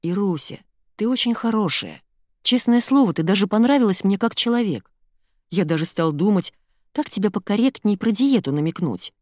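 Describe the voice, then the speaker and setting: A woman's voice: medium pitch, animated, normal speed, darkish tone, no room sound, studio quality, pitched above the performer's own voice, lightly acted. A woman reading the part of a weak-willed young man mumbling excuses to his girlfriend. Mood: pleading. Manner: mumbling, sheepish, excuse-making.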